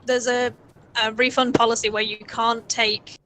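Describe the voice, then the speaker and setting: Young woman on a voice call from her car, bit high, rambly and sweary, laughs a lot, faint hiss behind. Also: flat delivery, normal speed, bright, forceful tone, low-quality recording. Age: early 20s. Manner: rambling, chatty, laughs often, swears freely. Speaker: stream co-host. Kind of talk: casual chat. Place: in a moving car. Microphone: Discord voice call.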